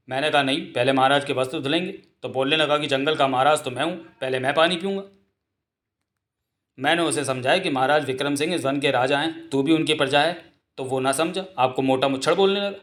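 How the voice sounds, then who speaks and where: A sly cartoon court servant who flatters and fibs, voiced by a man. His voice sits slightly high and runs smooth and wheedling. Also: natural voice. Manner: glib, wheedling. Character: sly scheming male court servant, young. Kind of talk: Hindi comic dub.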